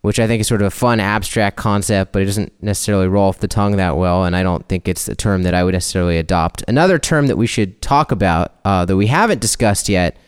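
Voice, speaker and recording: Smooth, lowish-voiced male podcast co-host. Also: quick pace, few pauses. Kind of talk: conversational discussion.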